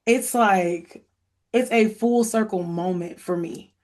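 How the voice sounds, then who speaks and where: A woman in her thirties hosting a podcast from home, chatting in an excited, rambling way. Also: medium pitch, takes it slowly. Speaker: podcast host. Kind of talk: casual interview chat.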